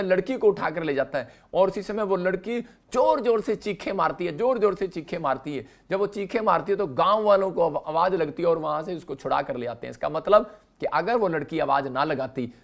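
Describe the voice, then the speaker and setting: A man's voice: a little high, vocal fry. A male pastor preaching a sermon in an emphatic, repetitive style. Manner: repeats "he is saying", emphatic preaching rising to exhortation.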